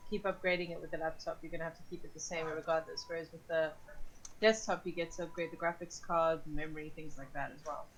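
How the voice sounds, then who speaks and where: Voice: medium pitch, level tone, fast, dull audio. Easygoing voice on a group call, faint hiss. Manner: easygoing, agreeable, chiming in. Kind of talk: casual group voice chat.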